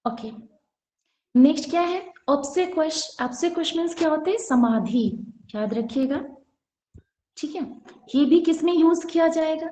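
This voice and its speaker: A woman's voice: high-pitched, lively intonation, a little slow, mellow, reverberant, rough recording. A woman teaching English grammar in an online class, explaining in Hindi and asking rhetorical questions as she goes.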